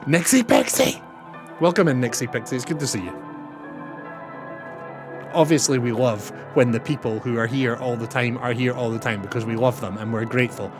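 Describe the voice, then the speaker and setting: A man's voice: medium pitch, steady tone, fairly quick. A young man streaming a game, chatting with his viewers and signing off turns with "over". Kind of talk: casual chat while gaming. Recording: game music loud behind.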